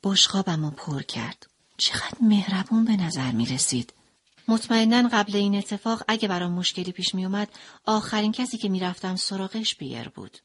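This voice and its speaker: A woman with a mid-range voice expressively narrates a dramatic story in the first person, swinging between soft narration and impassioned sections.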